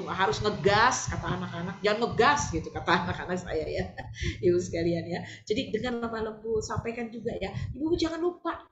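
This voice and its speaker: An older woman teaching a religious study group, animated and often asking her listeners to agree. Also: mid-range voice, echoey room, muffled recording, noisy background.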